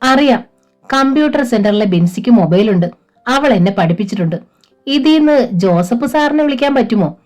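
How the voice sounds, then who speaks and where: A woman's voice: medium pitch, expressive, fairly quick, a little mellow, close to an everyday voice. A woman voicing a shy but scheming young convent worker in a storybook reading. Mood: eager.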